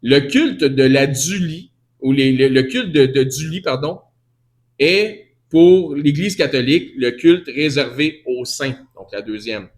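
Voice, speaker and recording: A man's voice: medium pitch, expressive, a little slow. A man with a Québécois accent giving a teaching sermon in a conversational way, often restarting and correcting himself and answering questions from the congregation. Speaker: preacher.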